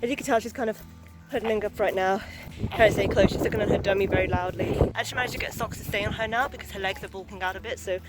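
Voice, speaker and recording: A woman's voice: mid-range voice, fairly even intonation, racing, hardly any pauses, loud music behind the voice, rough recording. A young adult woman chatting candidly and in a rambling way for a casual vlog while out walking outdoors. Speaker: vlogger, new mother. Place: outdoors on a walk.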